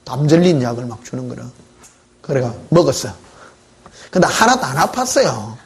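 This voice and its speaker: A man's voice: medium pitch, sing-song, moderate pace. A male pastor preaching a sermon in church, telling stories in a conversational way and putting questions to the congregation.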